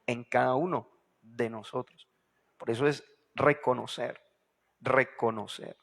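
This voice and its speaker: Male pastor, sermon, fry-tinged voice, leans on "right?" asides and repetition, echoey hall sound. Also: mid-range voice, steady tone, unhurried, a bit bright. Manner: constant rhetorical questions to the congregation; repeats key phrases with emphasis.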